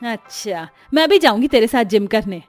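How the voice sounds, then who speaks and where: Bossy older mother-in-law, voiced by a woman, loud, dramatic, wailing, cartoon story, soft music behind. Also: a little high, animated, moderate pace, close to an everyday voice. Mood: bossy, stubborn. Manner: wails and complains loudly.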